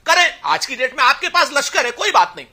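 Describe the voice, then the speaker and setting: High, bright-voiced debating man. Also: very animated, brisk. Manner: combative, interrupts, pleads for a turn. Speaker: party spokesperson in TV debate. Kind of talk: heated TV debate argument.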